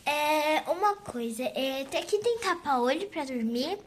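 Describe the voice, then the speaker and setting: A woman's voice: sits high, lively intonation, unhurried, a little hiss or hum. A young woman voicing a tired mother on a flight with a crying baby, sighing and weary. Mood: polite. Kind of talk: game role-play voiced over.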